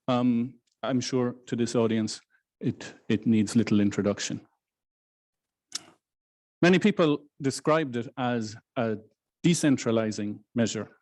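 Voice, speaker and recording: A man lecturing on law to a hybrid audience, speaking in a measured way with frequent restarts and fillers. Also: medium pitch, darkish tone. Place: lecture room in Brussels, hybrid with online audience.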